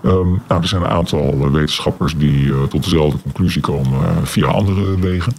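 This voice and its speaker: In a radio interview, an anonymous man in his forties has his voice disguised by a deep pitch-shift that makes it extremely low, gravelly, rough and a little mellow. He speaks slowly and deliberately, pausing often and filling gaps with hesitant sounds as he weighs each word. There is a little hiss or hum.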